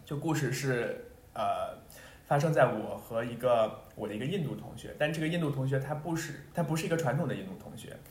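A young man co-hosting a podcast, chatting casually and telling an animated story with frequent laughs. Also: medium pitch, brisk. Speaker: podcast co-host. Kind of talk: casual chat. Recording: roomy echo.

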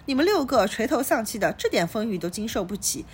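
A woman's voice: fairly high pitch, very animated, fast talker, slight background noise. A brash, ambitious young businessman who talks big and leans on grand proverbs, read by a woman in her ordinary voice. He sounds self-assured in a plain novel reading. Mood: unfazed. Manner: boastful, sweeping proverbs.

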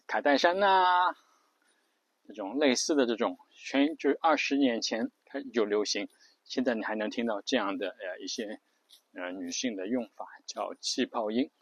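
A man casually explaining a speech habit, rambling with many fillers and stopping to demonstrate creaky, drawn-out word endings. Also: mid-range voice, no echo, muffled recording.

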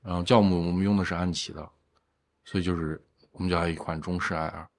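Male craft brewer as interview guest, low pitch, agreeable, explains in casual conversation. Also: steady tone, fast.

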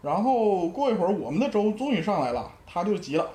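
A man's voice: high-pitched, fast talker. A man with a Northeastern Mandarin accent, telling stories in a casual chat and acting out the voices of people in them. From Northeast China. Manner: animated, acts out voices and shouts in stories. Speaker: podcast guest. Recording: roomy echo.

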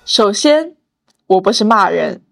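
Woman, mid-pitched voice, internet slang explainer, casual host talk, quotes catchphrases. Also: very animated, measured pace, gravelly, fairly bright tone, soft background music.

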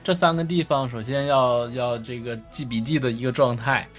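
Man with a Northeastern Chinese accent, explaining haltingly. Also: mid-range voice, steady tone, soft background music. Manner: halting, repeats phrases while explaining. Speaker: podcast co-host. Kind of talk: casual explanatory podcast chat.

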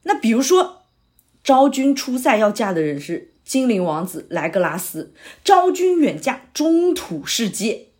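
Voicing an earnest middle-aged male playwright keen to pitch his work, a woman speaks persuasively and explains his ideas at length in this audio drama. Her pitch is fairly high and swings widely, and her delivery is a little slow and a little mellow.

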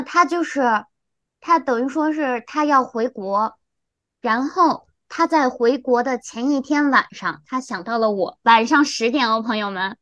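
A young woman in her twenties co-hosting a podcast, telling a story in an animated, exasperated way. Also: high-pitched, dry recording. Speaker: podcast co-host. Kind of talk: casual chat.

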